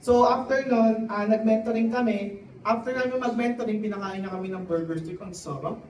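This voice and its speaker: A man giving a motivational testimony to a live audience, often turning to the crowd with quick questions. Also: high-pitched, a little mellow, slight background noise. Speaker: testimonial speaker at a sales event. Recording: echoey hall, voice from a distance.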